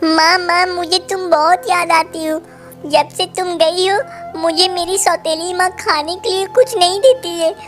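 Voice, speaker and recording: A woman's voice: very high-pitched, steady tone, moderate pace, a bit bright, faint music behind. Tuni, a woman doing a pleading little girl bird. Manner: pleading, tearful. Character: sad, overworked young girl bird.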